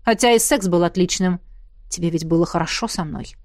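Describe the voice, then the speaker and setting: A woman reading an audiobook, voicing a commanding male fire mage who speaks low and insistently. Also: brisk, a little mellow, dry recording, clean studio sound, close to an everyday voice.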